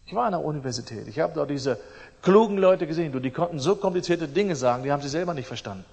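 A middle-aged man delivers a sermon with emphatic force, repeating key phrases and swinging between loud declarations and quiet asides. His voice sits a little high for a man. A long reverb trails each phrase, as in a large hall. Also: expressive, quick pace, gravelly. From East Germany. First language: German. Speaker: preacher.

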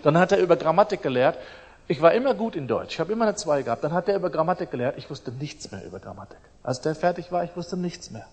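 A middle-aged man preaching a sermon, emphatic and repeating his phrases, swinging between loud outbursts and soft asides. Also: on the high side, lively intonation, fast, husky. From East Germany. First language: German. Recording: long hall reverb.

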